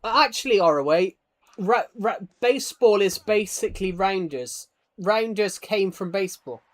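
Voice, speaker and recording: On a gaming livestream, a man chats casually and reads out viewer comments, rambling and putting himself down. His voice is high and expressive at a moderate pace, and he often stammers and repeats his words.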